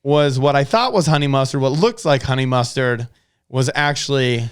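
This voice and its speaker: A man co-hosting a casual podcast, animated and quick to laugh, demonstrating a snack recipe. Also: medium pitch, clear, resonant tone. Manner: animated, laughs often, talks with mouth full. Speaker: podcast co-host. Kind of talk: casual chat.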